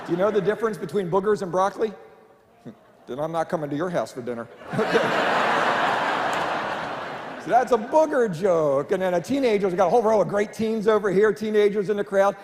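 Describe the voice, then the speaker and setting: This middle-aged comedian's clean, self-mocking stand-up is delivered in an expressive, high voice, a little fast, with long pauses. He's chatting with a live crowd from a church stage, and the recording carries long hall reverb and soft room noise.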